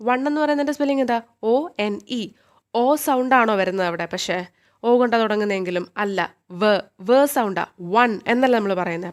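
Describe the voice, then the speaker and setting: A woman with a Malayali accent and a fairly high voice gives an English grammar lesson. She talks patiently, asks her listeners questions and goes over each example slowly. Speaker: English teacher.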